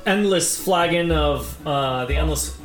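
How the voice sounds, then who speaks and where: A male game master narrates a tabletop game in a fairly high voice, feeling his way through improvised lines. The room is echoey and music plays clearly behind him. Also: a little slow. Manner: hesitant, searching, improvised narration.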